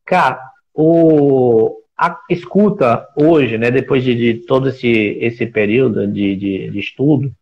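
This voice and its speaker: A man's voice: mid-range voice, slow, hardly any pauses, lo-fi sound. A man with a Brazilian Portuguese accent giving a reflective explanatory talk in a live stream, often restarting phrases and posing rhetorical questions. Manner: reflective, searching for words, with frequent restarts; builds points with rhetorical questions. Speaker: speaker on workplace listening.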